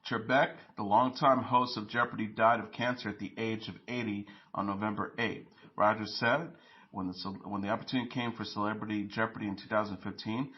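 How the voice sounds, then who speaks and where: A man reads entertainment news as host, his voice sitting low. He carries quotes in the same plain tone, tripping now and then on a word. The recording sounds dull and lo-fi. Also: fairly even intonation, brisk.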